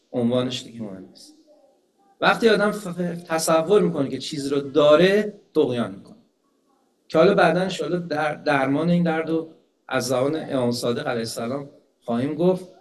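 Male religious lecturer with a slightly high voice; talky storyteller who slows down for scripture. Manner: slows down to recite Arabic scripture; conversational, with rhetorical questions.

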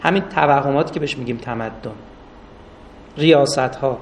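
A man giving a religious lecture with stories, rising for emphasis and drawing out recited Arabic phrases. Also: medium pitch. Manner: animated, rises for emphasis, drawn-out Arabic recitation. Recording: distant mic with faint noise.

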